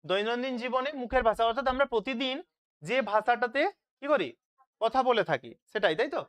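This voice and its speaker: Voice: medium pitch, fairly quick, a bit bright. A teacher leading an online revision class, asking questions and then answering them, checking again and again that students follow.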